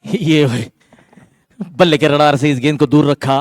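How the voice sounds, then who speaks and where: A man giving live ball-by-ball cricket commentary, with excitable, drawn-out calls on the big moments. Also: a little high, dry recording, studio quality.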